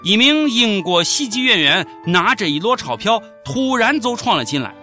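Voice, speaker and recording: A man's voice: high voice, big pitch swings, moderate pace, bright, forceful tone, faint music behind. A man with a Shaanxi accent hosting a satirical comedy news show, narrating in a theatrical, exclamatory way. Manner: theatrical mock outrage, exclamatory.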